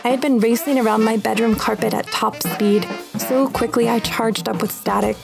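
Woman spoken-word storyteller, unhurried, gravelly, light music behind. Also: a little high, steady tone.

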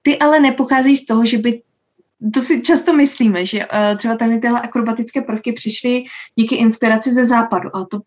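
A woman who teaches dance, answering interview questions in a slow, thoughtful way with many filler sounds. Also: fairly high pitch, fairly even intonation, darkish tone. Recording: dull lo-fi sound.

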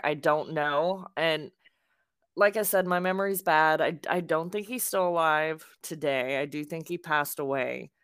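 A woman co-hosting a podcast, chatting in a relaxed, plainspoken way. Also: lowish voice, clean tone, no echo, studio quality. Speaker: podcast co-host. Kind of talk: casual chat.

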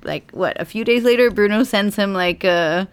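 A woman's voice: mid-range voice, moderate pace, clear, resonant tone. A woman in a casual book discussion who talks in a chatty way with many fillers and laughs often. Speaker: podcast co-host.

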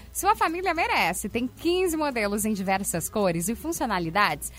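High-pitched woman, punchy radio ad read. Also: a bit bright. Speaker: radio host reading sponsor ads. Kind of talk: scripted radio sponsor read, promotional ad delivery.

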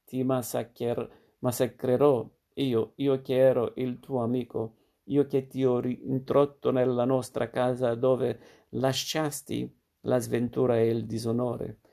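A man reading the lines of a cruel brother who menaces slowly. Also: medium pitch, little pitch movement, creaky, mellow. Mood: menacing. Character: cruel brother threatening slow murder.

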